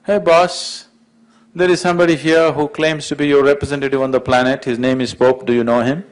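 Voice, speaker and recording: Man voicing a laid-back, dismissive gatekeeper, loud offhand call-outs. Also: fairly low pitch, takes it slowly. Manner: breezy, dismissive, calls out loudly. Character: offhand male gatekeeper saint, casual and unimpressed.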